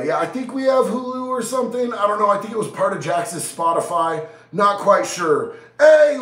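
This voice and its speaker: A man in his thirties with a stuffy, nasal head cold hosts a casual livestream from a small indoor studio lit with neon, reading viewers' chat aloud in a laid-back, slangy way. His voice is high and a bit bright, and it's captured from a distance in an echoey room.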